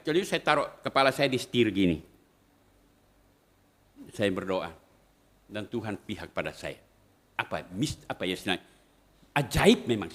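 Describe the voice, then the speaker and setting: A middle-aged male priest giving a storytelling homily, acting out the voices of the people in his stories. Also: on the high side. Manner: animated, acts out quoted voices.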